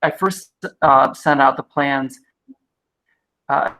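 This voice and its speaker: A man's voice: mid-range voice, takes it slowly, sharp tone. Man on a choppy, cutting-out call line. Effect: choppy video-call audio with cut-off endings. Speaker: middle school principal. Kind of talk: reporting at a board meeting. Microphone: video call.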